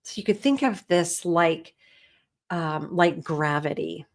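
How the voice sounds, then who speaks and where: A woman leadership coach speaks in a fairly low voice, taking her time over each thought. She talks through shared slides in a reflective way, posing questions for the listener to consider. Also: slow pace. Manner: reflective, poses rhetorical questions.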